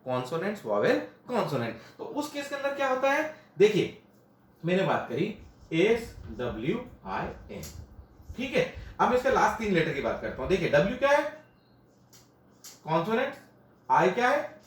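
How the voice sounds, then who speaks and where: A man's voice: sits high, huge pitch swings, moderate pace, pauses often, echoey room. A male teacher explaining grammar at a classroom board. He repeats each point, asks questions and answers them himself, and mixes Hindi with phrases.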